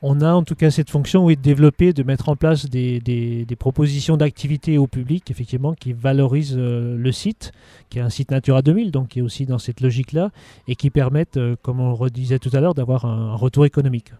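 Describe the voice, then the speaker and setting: A middle-aged man from Haute-Savoie answers interview questions as a local official. He speaks haltingly, restarting phrases and filling gaps. His voice is very dark and mellow, recorded dry and close. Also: mid-range voice, no echo. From Haute-Savoie, France. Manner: hesitant, many restarts and fillers. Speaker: local government official managing outdoor sites.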